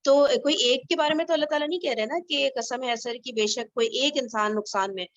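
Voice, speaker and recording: A woman's voice: high voice, fairly even intonation, no echo, lo-fi sound. A woman from Pakistan leading an online Arabic grammar study group, explaining patiently and often checking that everyone understands.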